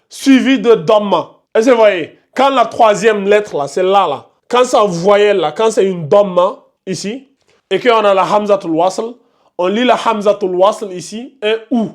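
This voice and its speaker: High-voiced man teaching a patient lesson. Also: a little slow. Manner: patient, repeats terms, asks "vous voyez?" often. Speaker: Quran recitation teacher. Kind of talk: live online tajwid lesson.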